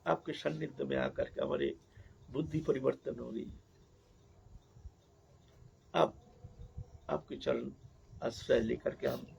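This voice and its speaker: A man's voice: mid-range voice, creaky, a little mellow, slight background noise, full character voice. A man voicing a repentant young woman who tearfully begs a saint for mercy, in a dull lo-fi recording. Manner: pleading, tearful.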